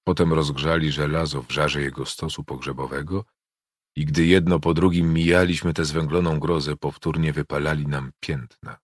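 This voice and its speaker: A man reading a novel aloud in a somber first-person narration, measured and grave. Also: a bass voice, fairly even intonation, husky, no room sound, studio quality. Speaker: audiobook narrator.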